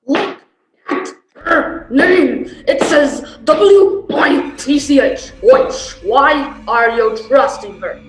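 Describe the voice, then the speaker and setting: A woman's voice: high-pitched, drawn-out words. Woman playing a frantic panto heckler calling out warnings. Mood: exasperated. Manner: panto-style call-outs, pleading and shouting warnings to the characters. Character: frantic, exasperated horror-movie-style audience member yelling warnings at the story. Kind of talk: comic stage theatre acting. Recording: roomy stage sound, faint music.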